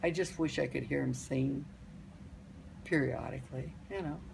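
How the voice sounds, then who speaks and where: An elderly woman, a grandmother, casually telling family stories in a halting, rambling way and repeating phrases for emphasis. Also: extremely low pitch, gravelly, background noise. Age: older, grandmother.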